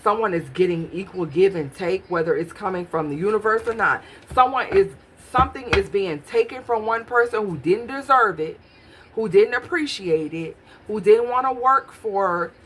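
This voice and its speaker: A woman's voice: medium pitch, animated, moderate pace, a bit bright, slight background noise. A woman doing a casual tarot reading, musing aloud and questioning the cards as she pulls them. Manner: musing, talks to herself while pulling cards. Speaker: tarot reader.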